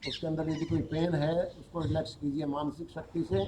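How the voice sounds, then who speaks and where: A man guides a yoga nidra session, talking the listener through relaxing each part of the body in calm, slow instructions. His voice sits a little high for a man. Faint ambience hums behind him. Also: background noise. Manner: calm, slow instructions mixing Hindi with English words. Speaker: yoga teacher.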